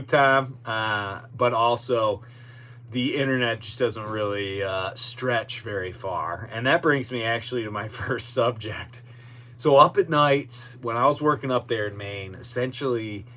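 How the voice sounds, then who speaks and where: This podcast host has a lowish, slightly bright voice and talks in a rambling, self-mocking manner during a casual solo live stream. He's set up outside in a boatyard with a podcast mic, and a hum plus other background noise is clearly audible.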